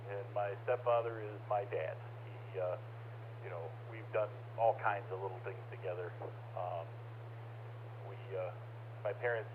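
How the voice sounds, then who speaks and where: A man chatting casually as a ham radio operator, heard through a radio transmission with static, talking in a relaxed way with many fillers. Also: lowish voice. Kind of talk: casual on-air radio chat. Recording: phone-like band, clear static noise over radio.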